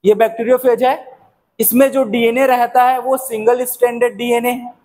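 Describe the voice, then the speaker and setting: A man's voice: extremely high pitch, little pitch movement, normal speed, darkish tone. A young man teaching a biology lesson, who keeps asking questions and answering them himself. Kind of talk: classroom-style lecture.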